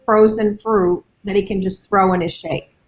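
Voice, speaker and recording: A woman's voice: medium pitch, steady tone, moderate pace. A woman guest on a live video call, chatting in a friendly, conversational way. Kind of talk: casual live video chat.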